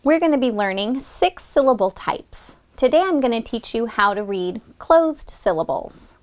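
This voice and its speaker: A woman teacher explaining a phonics lesson plan and then modeling it, drawing out the vowel sounds slowly and deliberately for students. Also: a little high, animated.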